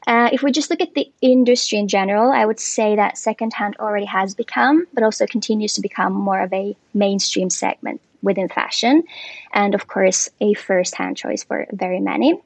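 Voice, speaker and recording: A woman from Finland, a guest on a podcast, explaining her work with frequent pauses and fillers. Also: medium pitch, gravelly, breathy edge, no room sound. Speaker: guest, commercial lead. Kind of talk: podcast interview.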